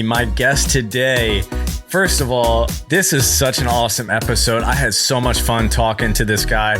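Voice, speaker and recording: Casual young male podcast host, mid-range voice, upbeat slangy delivery, music bed underneath. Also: medium pitch.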